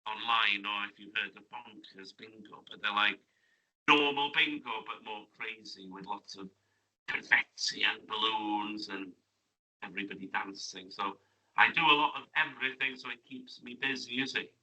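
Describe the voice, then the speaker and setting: A man's voice: fairly low pitch, normal speed, sharp tone, low-quality recording. A man, chatting as an interview guest and asking friendly tag questions. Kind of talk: casual interview chat. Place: classroom radio studio.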